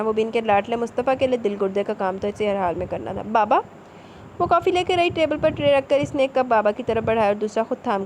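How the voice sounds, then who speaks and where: A woman reading a romance novel aloud as narrator, expressive and steady. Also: a little high, slight background noise. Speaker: audiobook narrator.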